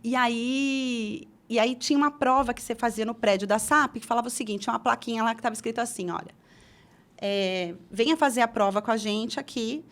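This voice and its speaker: A middle-aged Brazilian woman, a guest on an interview, recounts her career in a chatty way. Her voice is slightly high and a bit fast, and she often restarts sentences and uses fillers.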